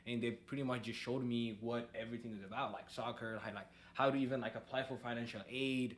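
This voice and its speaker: A man's voice: mid-range voice, fast talker. A young man from Ethiopia, a soccer coach and podcast guest, talking casually with a lot of fillers. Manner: relaxed, many fillers and "like". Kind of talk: casual conversation. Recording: faint background noise.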